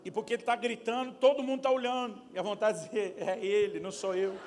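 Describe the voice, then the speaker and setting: A man's voice: sits high, flat delivery, quick pace, a little mellow, big-room sound. A man from Brazil preaching a storytelling sermon, animatedly acting out dialogue and shifting his volume as he tells the story. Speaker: pastor. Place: large church hall at a conference.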